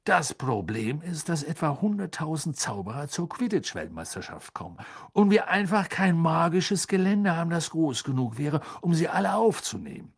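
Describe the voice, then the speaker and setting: A kindly middle-aged father patiently explains things in a storybook voice, as a man reads him. His pitch moves lively up and down, and his voice has a husky texture. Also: moderate pace, heavily acted. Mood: explaining.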